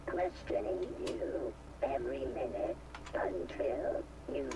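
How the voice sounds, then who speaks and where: An actor voicing a malfunctioning robot security unit in a video game, stuck in loops and speaking in clipped, formal machine phrases. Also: male voice, mid-range voice, animated, takes it slowly, gravelly. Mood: glitching. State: malfunctioning, repeating itself in loops. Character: glitching robot security unit, stiff and officious. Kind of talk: video game character dialogue. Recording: distant game audio with noise.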